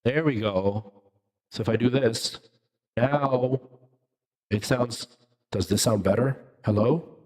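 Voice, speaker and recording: A man's voice: mid-range voice, slow pace, long pauses, darkish tone. A man streaming live, talking through an underwater gurgling voice filter as he tests voice effects. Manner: testing voice effects, reacting to chat. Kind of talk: casual live-stream chat. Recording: voice effect with music behind. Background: music.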